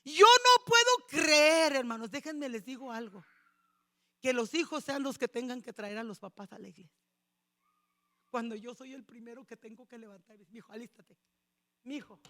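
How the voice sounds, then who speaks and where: A woman pastor preaching a sermon, animated and acting out the voices she quotes. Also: high-pitched, moderate pace.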